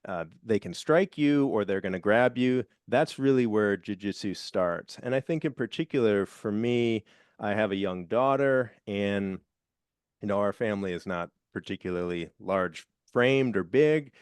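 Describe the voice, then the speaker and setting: Speaking unhurriedly in a smooth, darkish voice on the low side, a middle-aged man hosts a podcast interview, friendly and sprinkled with the odd "uh" or "um." It's a dry close-mic recording with a bit of faint music.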